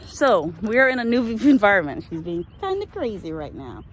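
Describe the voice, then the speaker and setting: A woman's voice: medium pitch, huge pitch swings, moderate pace. A woman chatting casually to camera as she walks and handles her dog, explaining things like an owner giving training tips. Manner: talking while out walking and handling a dog. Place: out on a walk with a dog. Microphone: handheld camera microphone. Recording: noisy handheld camera recording.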